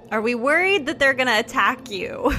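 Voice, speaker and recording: Bright, animated woman with a high voice. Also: moderate pace, faint music behind. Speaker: player in a tabletop role-playing game. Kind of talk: casual chat and banter.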